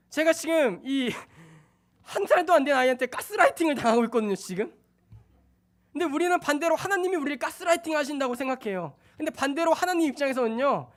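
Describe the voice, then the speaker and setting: A young man preaching a sermon at a Friday night church service as a junior pastor. He speaks in a lively way, acts out dialogue in other voices and drops in joking asides. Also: very high-pitched. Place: church sanctuary.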